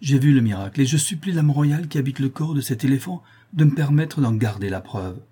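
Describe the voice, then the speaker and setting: A man's voice: mid-range voice, lively intonation, brisk, mellow, slightly rough, voice pushed up. A man reading aloud, voicing a humble, awed schoolmaster who pleads fervently. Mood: pleading.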